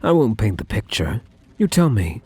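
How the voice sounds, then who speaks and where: A man playing a possessive, lovesick ex-boyfriend in an ASMR role-play, speaking intensely and defensively to the listener with dramatic pauses. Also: lowish voice, big pitch swings, darkish tone, husky, no echo, exaggerated voice. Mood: defensive, demanding. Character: possessive, obsessive ex-boyfriend, self-justifying and lovesick.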